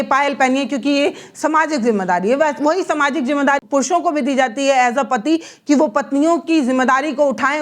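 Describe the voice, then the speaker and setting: A woman with a high, light voice delivers opinion commentary on a current dispute. She talks earnestly and argues her points, often pleading with listeners and breaking off to correct herself mid-sentence.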